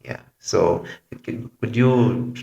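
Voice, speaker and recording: A male podcast host with a very deep, gravelly voice asks questions in a gentle, reassuring way. His voice carries a roomy echo. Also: extremely slow, muffled recording. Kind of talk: conversational interviewing. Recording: roomy echoey room.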